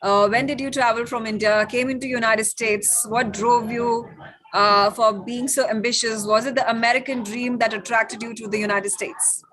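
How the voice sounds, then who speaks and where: A woman's voice: fairly high pitch, fairly even intonation, normal speed, a bit bright, low-quality recording. A woman hosting an interview, eagerly asking several questions in a row. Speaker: interview host.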